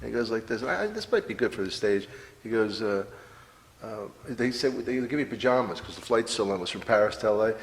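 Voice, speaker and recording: A man's voice: fairly low pitch, expressive, brisk. Mock-earnest older man, echoey. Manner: playful, mock-earnest, rambling. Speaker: guest comedian. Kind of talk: casual storytelling chat. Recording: long echo and faint noise.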